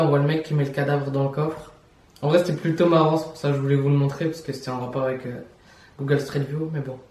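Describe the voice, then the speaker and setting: A man's voice: on the high side, mellow, far from the mic. A young man, chatting casually as he reacts to videos, laughing and repeating himself. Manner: chatty, laughs often, repeats phrases, slangy. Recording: roomy echo, voice set back from the mic.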